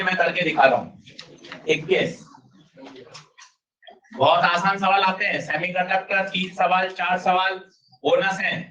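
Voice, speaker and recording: Male teacher, energetic and pushing students, high bright voice, dull roomy classroom sound from a distance. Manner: energetic, drilling students with rapid questions. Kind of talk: classroom physics lecture.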